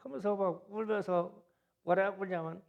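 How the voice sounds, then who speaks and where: A middle-aged man, a pastor, preaching a sermon in which he retells a vision with emotional storytelling that swells into loud, tearful passages. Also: sits high, fairly even intonation, normal speed, vocal fry, phone-quality sound.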